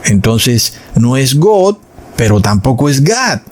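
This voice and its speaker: A man's voice: mid-range voice, sing-song, takes it slowly, a little mellow. A man giving an explanatory commentary on religion, teaching in a didactic way, addressing listeners as brothers, and demonstrating pronunciations aloud. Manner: demonstrates pronunciations and baby babble.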